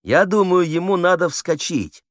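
A man's voice: sits high, measured pace, no echo, clean studio sound, voice pushed up. A man reading aloud, voicing a wry inmate making understated asides.

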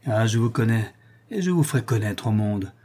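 A man's voice: on the low side, expressive, normal speed, dark tone. A man reading a young nobleman who is passionate and indignant, raising his voice as he pleads and accuses.

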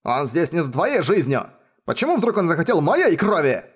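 Man playing raging merchant, middle-aged, raised pitch, loud and indignant, storybook reading. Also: sing-song, normal speed, husky, exaggerated voice. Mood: furious. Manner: shouting, indignant. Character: angry blustering male merchant, middle-aged.

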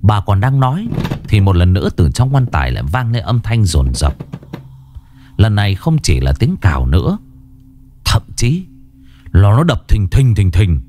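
A man narrating a ghost story in an expressive, dramatic way. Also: normal speed, long pauses, background noise. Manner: expressive, swinging pitch. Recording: narration over background music.

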